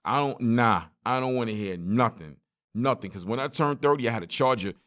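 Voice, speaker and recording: A man, hosting a solo podcast and telling stories in lively street slang straight to his listeners. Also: medium pitch, brisk. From Brooklyn, New York. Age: 40s. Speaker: podcast host.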